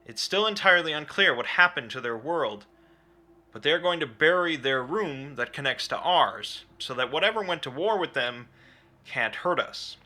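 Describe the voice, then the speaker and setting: A man's voice: a little high, expressive, moderate pace, sharp tone. A man reading a scripted, dramatic explainer as a narrator. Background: background music.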